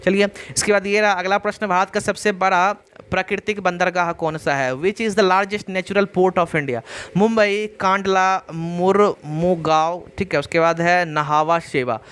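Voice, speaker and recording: High-pitched guy running an online gk quiz class, keeps repeating answers, super casual with viewers. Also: fairly even intonation, a little slow, fairly bright tone, clear, resonant tone. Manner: repetitive, drills answers with rhetorical "kya hai?"; casual, addresses viewers as bhaiya and yaar. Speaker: GK quiz teacher. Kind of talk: online exam-prep class.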